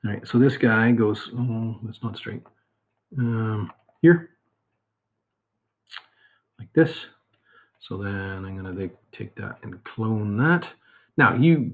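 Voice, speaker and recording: Husky male teacher on tinny audio. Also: fairly low pitch, unhurried, long pauses. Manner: casual, rambling, full of fillers and asides. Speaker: high school math teacher. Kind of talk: recorded online math lesson. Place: home.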